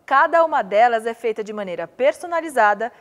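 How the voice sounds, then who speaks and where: A woman's voice: a little high, animated, a little fast. A woman presenter with a Brazilian accent reading a polished, upbeat script for a TV program. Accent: Brazilian Portuguese. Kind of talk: scripted narration. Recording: narration over music.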